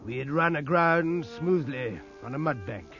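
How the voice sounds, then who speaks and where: An actor playing a naval officer who narrates his sea battle in a grave, measured, literary manner. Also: fairly high pitch, animated, fairly bright tone. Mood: grave, foreboding. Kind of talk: dramatic scripted first-person narration. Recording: dull sound with music behind.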